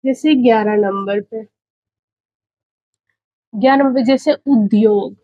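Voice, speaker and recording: In an unhurried, dark-toned voice that sits on the high side, a woman leads an exam-prep spelling class. She repeats each example word several times as she writes, checks in with the students, and calls them "बच्चे"; the lo-fi sound is dull and echo-free.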